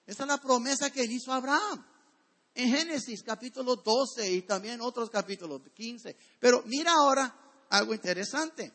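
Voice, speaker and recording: A man's voice: extremely high pitch, bright, forceful tone. A male pastor preaching a sermon in a church, direct and conversational, asking the congregation rhetorical questions.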